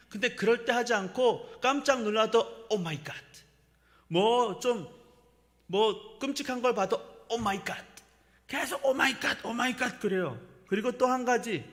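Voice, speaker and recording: A middle-aged male pastor preaching a sermon, telling stories and acting out the lines he quotes. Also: high-pitched. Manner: animated storytelling, acts out quoted lines. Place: church sanctuary. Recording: long church reverb.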